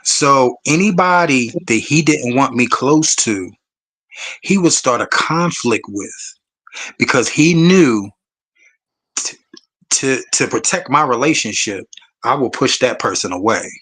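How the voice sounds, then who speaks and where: A man's voice: medium pitch, animated, a little slow, a bit bright, slightly rough. A man tells his own story to a panel. He talks emphatically and bluntly, with a lot of swearing, like a conversation between friends.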